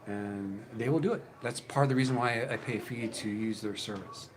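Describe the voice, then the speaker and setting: Fifties male host, lowish voice, loose rambling chat with profanity, faint ambient hiss. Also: brisk. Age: 50s. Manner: rambling, profane, with frequent fillers and restarts. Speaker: channel host. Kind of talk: casual live chat with viewers.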